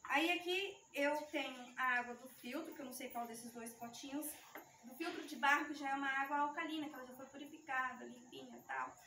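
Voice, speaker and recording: At a youth ministry teaching session, a woman talks her audience through a hands-on demonstration, explaining each step at a fairly quick pace, shaky with nerves. Her high, bright voice is recorded from far off in an echoey hall, with a faint room hum behind her.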